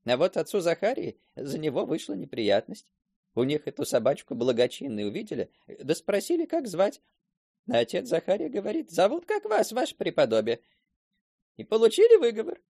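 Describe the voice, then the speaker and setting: Old village chatterbox, husky, high and wildly sing-song. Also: male voice, no echo, clean studio sound, exaggerated voice. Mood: gossiping. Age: older. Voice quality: husky and creaky. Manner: lively, quick to mimic others' voices. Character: talkative old village man spinning a yarn. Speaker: storyteller character. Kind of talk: radio play acting.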